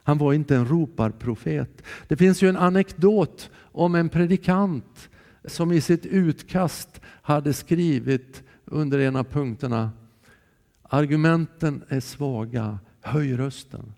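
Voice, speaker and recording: Male preacher, higher-pitched, earnest sermon delivery, long church reverb. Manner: calm, earnest, shifting between soft and raised voice.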